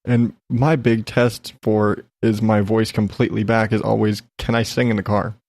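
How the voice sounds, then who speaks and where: This podcast host talks alone in a rambling, frank, sweary way, sounding slightly congested as he recovers from an illness. His voice is fairly low and darkish, with vocal fry and little pitch variation, at a normal speed. The recording is dry, and the talk is a casual personal update.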